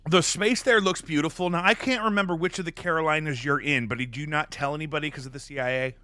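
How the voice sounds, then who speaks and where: A man's voice: fairly high pitch, fast, sharp tone, clear, resonant tone, no room sound. A man hosting a podcast while eating, asking rambling, joking questions full of fillers. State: eating during the show. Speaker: podcast host. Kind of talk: casual interview chat.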